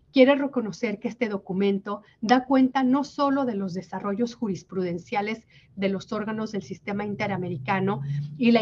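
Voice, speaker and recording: A woman's voice: medium pitch, darkish tone. Formal woman moderator, dull lo-fi sound. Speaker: moderator introducing a speaker. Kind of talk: formal introductory remarks in Spanish.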